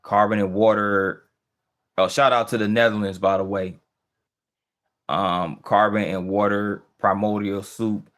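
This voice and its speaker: A man with a fairly low voice speaks a little slowly, in a flat delivery with a fairly bright tone. Hosting a casual livestream, he thinks aloud with many restarts and fillers, answering viewer comments in an easygoing, questioning way.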